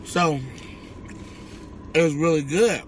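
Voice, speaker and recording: A man's voice: a little high, slow. An American man chatting casually to viewers as he eats, chewing while he talks and humming with relish. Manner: chewing while talking, savouring hums. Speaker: mukbang vlogger. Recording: clear background noise, car ambience.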